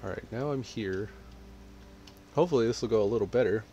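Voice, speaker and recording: Fairly quick and lowish in pitch, the man's voice comes through dull audio with a slight hiss or hum. He's a gaming streamer from Texas, casually narrating his play and reading chat aloud in a laid-back way.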